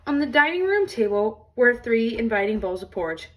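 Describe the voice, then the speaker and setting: A woman reading a children's storybook aloud in an expressive storytelling style. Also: a little high, moderate pace, far from the mic, rough recording.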